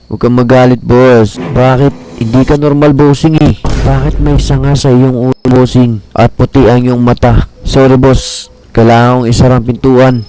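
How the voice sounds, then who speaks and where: A young Filipino man giving lively casual commentary as he plays a game and talks to his viewers. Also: medium pitch, moderate pace, faint music behind. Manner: excitable, talks to viewers as "mga pre". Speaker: gaming streamer.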